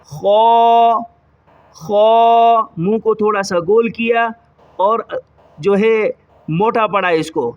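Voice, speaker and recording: A man's voice: high-pitched, highs cut off. A man teaching children to read the Quran, drawing out each letter sound and repeating it for them to copy. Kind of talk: children's recitation lesson.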